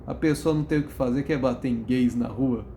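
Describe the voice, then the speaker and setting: A vlogger ranting to camera in a casual, blunt, slangy way, laughing at their own stories and jumping up in pitch for emphasis. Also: fairly quick, warm tone, a little hiss or hum. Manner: profane, blunt, slangy storytelling; mimics other people's voices when quoting.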